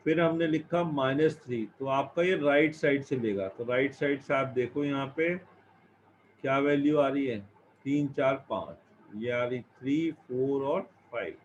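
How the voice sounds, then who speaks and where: A man's voice: medium pitch, a little slow. A male teacher giving a classroom lesson, explaining each step and asking and answering his own questions. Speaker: computer science teacher. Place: classroom with students. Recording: dull lo-fi recording with faint background noise.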